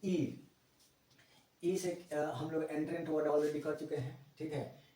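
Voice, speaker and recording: Teacher spelling out words in an echoey room. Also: male voice, a little high, steady tone, takes it slowly, warm tone, recorded from a distance. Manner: explains word by word, spells words out letter by letter, repeats key terms. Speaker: English vocabulary teacher. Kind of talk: Hindi classroom lecture mixed with English terms.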